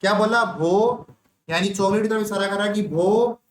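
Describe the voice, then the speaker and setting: A high-pitched male voice, moving at a moderate pace with slight background noise, teaches an online nursing exam class. He tells a story and quizzes his students with repeated questions, recorded in an echoey room with faint ambience.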